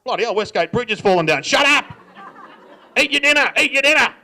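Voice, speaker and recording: A comedian voicing his cranky, shouting Australian father. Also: extremely high pitch, lively intonation, brisk, pitched above the performer's own voice, full character voice. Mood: yelling. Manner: bellowing, gruff, exasperated.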